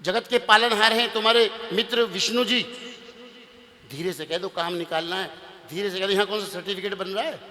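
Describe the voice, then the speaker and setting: A male preacher voicing Narad, a sly, helpful divine sage giving coaxing, hushed advice. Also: high voice, brisk, in a large hall.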